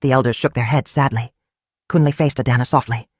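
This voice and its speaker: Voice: medium pitch, fairly even intonation, a little fast, darkish tone, no room sound, studio quality. A storyteller narrating a folktale in short, simple, clipped sentences.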